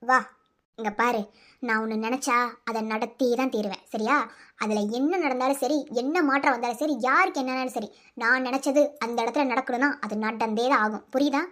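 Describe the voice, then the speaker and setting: A woman's voice: high voice, a little fast, fairly bright tone. A woman voicing a bold young woman in a cartoon, firm and confident as she reassures a friend. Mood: determined.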